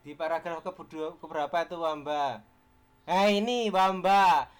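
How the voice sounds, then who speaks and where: A man's voice: a little high, unhurried, clean tone. A man with an Indonesian accent teaching an exam-prep lesson, explaining step by step, quizzing his students and repeating key words.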